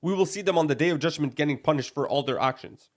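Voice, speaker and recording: Young man, podcast co-host, fairly high voice, blunt and heated, says "bro" a lot. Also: quick pace. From Palestine. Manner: blunt and emphatic, repeats "bro" and Arabic phrases.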